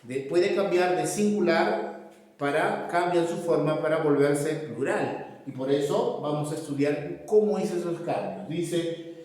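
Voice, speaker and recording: Man, teacher, step-by-step grammar lesson, somewhat high voice, long reverb, distant mic. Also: measured pace, a little mellow. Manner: explains step by step, checks in with "¿listo?" and "¿no?". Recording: echoey room, voice far from mic.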